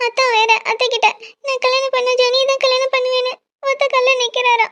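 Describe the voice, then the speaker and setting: A performer doing a squeaky tearful cartoon sister. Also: level tone, a little fast, pushed and bright, exaggerated voice. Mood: upset. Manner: pleading, distressed. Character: young woman, a tearful lovesick younger sister. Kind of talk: cartoon voice acting.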